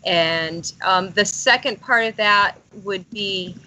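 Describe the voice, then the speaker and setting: Bright, bubbly chatty woman. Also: mid-range voice, slow, slight background noise, poor audio. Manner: bubbly, rambling, self-deprecating. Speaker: author guest. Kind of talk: casual chat.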